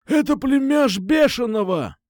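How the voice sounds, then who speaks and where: A man reading an audiobook, voicing an excitable rough male criminal who shouts and sneers. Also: high-pitched, normal speed, dry recording, clean studio sound, voice pushed up. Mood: excited. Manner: loud, exclaiming, sneering. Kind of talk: audiobook narration.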